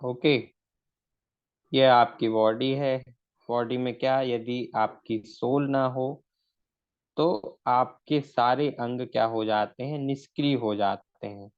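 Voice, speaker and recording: A man's voice: medium pitch, steady tone, slow, smooth, muffled recording. A male shorthand teacher in a recorded lesson. He explains step by step, asks his own questions and answers them, and mixes English words into his speech.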